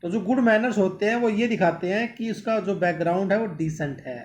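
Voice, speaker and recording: High-voiced man teaching vocabulary. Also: brisk. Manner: repeats words often and calls the students "my dear". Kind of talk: exam-prep vocabulary lesson.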